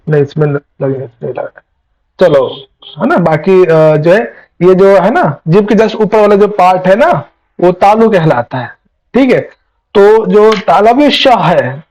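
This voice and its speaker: A man's voice: high-pitched, darkish tone, poor audio. A man teaching Sanskrit grammar in an online class, patiently quizzing his students and calling them "child". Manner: patient, keeps asking students questions.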